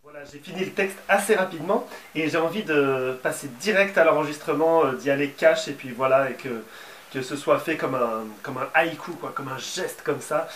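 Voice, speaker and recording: A man's voice: a little high, normal speed, a bit bright, slight background noise. Hesitant man explaining songwriting. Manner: hesitant, many filler sounds. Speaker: songwriter giving a tutorial. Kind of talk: casual video tutorial.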